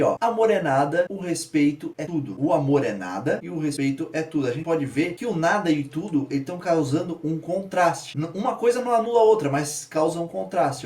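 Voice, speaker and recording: A man's voice: on the high side, darkish tone, reverberant, recorded from a distance. A man with a Brazilian accent teaching a grammar lesson, explaining terms and asking rhetorical questions. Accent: Brazilian Portuguese.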